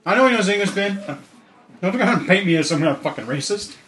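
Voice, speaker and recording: A man's voice: high voice, lively intonation, quick pace. Teasing man in an echoey room. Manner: teasing, loud outbursts and laughs. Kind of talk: casual food review banter. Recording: echoey room with faint ambience.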